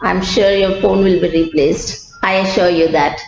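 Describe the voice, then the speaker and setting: A woman with an Indian accent playing a calm, reassuring customer service executive, speaking in a polite, formal customer service voice. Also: on the low side, moderate pace, creaky. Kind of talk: customer service role-play. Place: small office with bare walls. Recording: echoey room, dull sound, faint noise.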